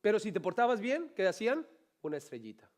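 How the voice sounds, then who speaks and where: A man preaching a sermon as pastor, animated, asking the congregation rhetorical questions and adding playful humorous asides. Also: high-pitched, fast talker.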